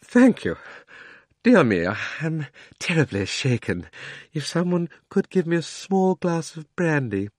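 A rattled old gentleman quavers in a thin, high, faint voice, as a male narrator acts him out. He sounds fussy, and the recording is dry and close. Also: sing-song, unhurried, dry recording. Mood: shaken. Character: shaken, feeble old gentleman.

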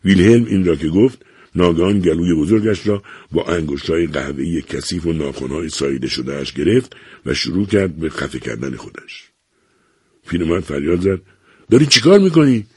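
A man narrating a novel aloud in a measured, even storytelling manner. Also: extremely low pitch, slightly rough, no room sound, studio quality. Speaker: audiobook narrator.

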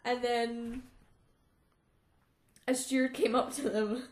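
A high-pitched woman talks unhurriedly in an echoey room. She hosts a casual book chat, laughing often and slipping into acted-out quotes. The room gives her voice a roomy echo. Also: slow. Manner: animated, laughs often, acts out quoted lines. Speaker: podcast host.

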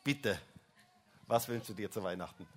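A pastor with a lowish voice, lively intonation, and a fairly bright tone preaches a Christmas sermon at normal speed during a church service that is also livestreamed. He chats with the children and often ends questions with "hä?".

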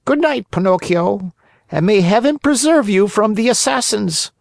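A man's voice: high voice, lively intonation, moderate pace, creaky, no room sound, clean studio sound, pitched above the performer's own voice. A man voicing the faint ghost of a small, preachy male cricket who gives advice. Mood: solemn. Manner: faint, otherworldly, lecturing.

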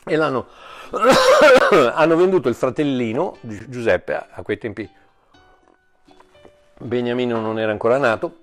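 A man preaching a sermon in an animated way, often repeating and restarting words, with jokey asides. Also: medium pitch.

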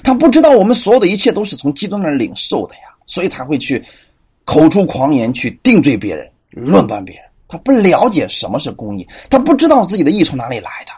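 Husky, lively male preacher. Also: on the high side, quick pace. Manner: animated, acts out quoted voices. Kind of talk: sermon teaching.

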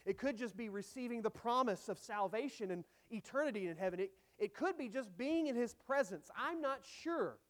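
High-voiced earnest male preacher. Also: expressive, normal speed, few pauses. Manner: earnest, swinging between emphatic lines and soft, dropped phrase endings. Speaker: pastor. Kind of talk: sermon.

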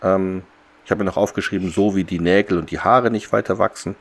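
A man co-hosts a podcast, casually walking through the plot of an audio drama in a conversational, explanatory way. His voice is low, steady, gravelly, and husky, and he talks fairly quickly.

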